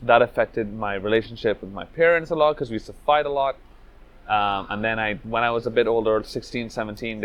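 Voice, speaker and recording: Low-voiced man, reflective. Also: fairly bright tone, muffled recording. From Venezuela, raised in Trinidad. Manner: reflective, loose, with frequent "like" and "you know". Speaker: speedrunner interviewee. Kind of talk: casual interview storytelling.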